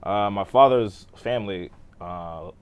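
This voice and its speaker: With a fairly low, clear and resonant voice at a measured pace, a man in his thirties tells stories of growing up on an interview podcast. Born in Texas and raised in Boston, he speaks casually, uses many fillers, and tends to trail off.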